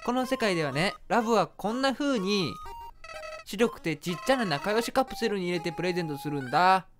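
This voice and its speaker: A man's voice: sits high, expressive, fairly quick, music in the background. A man voicing a two-faced talking flower in a Kansai accent, with chirpy sing-song friendliness that hides a snide edge. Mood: sugary.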